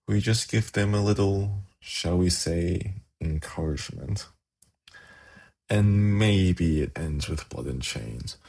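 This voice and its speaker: This man plays a smooth, arrogant demon prince for an ASMR fantasy roleplay. His low, gravelly, husky voice is a little mellow and exaggerated, and his delivery stays measured, formal and silkily condescending.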